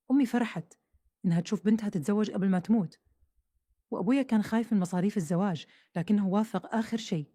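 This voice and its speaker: A woman's voice: medium pitch, warm tone, no room sound, clean studio sound. A woman narrating a first-person audio story in an earnest tone.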